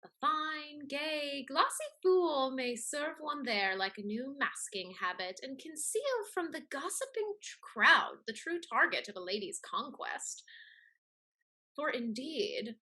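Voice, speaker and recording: In a high-pitched, sharp, exaggerated voice, a woman plays a scheming, catty society lady in a Restoration comedy. Her delivery is arch, pointed and mannered, with a worldly air to it.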